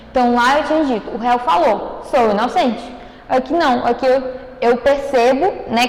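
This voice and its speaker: A woman teaching a writing lesson to schoolchildren, patiently checking that they follow with frequent "ok?" and "né?". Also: high voice. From Brazil. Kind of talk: recorded online class. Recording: echoey room, long reverb.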